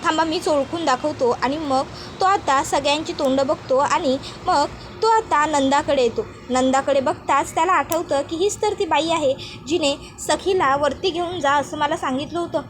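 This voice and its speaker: A woman narrating a recap of a serial episode in a brisk, steady storytelling manner. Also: high-pitched, slight background noise.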